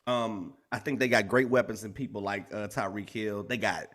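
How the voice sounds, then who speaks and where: A man's voice: fairly low pitch, moderate pace, a bit bright. A man co-hosting a casual sports podcast, laid-back and slangy, breaking down players with stats. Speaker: podcast co-host.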